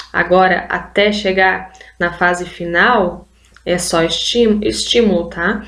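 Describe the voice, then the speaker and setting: Brazilian woman teaching in an echoey room. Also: mid-range voice. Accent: Brazilian Portuguese. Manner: explains with frequent "olha só" prompts, addressing viewers as "gente". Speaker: literacy teacher. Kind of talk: online video lesson.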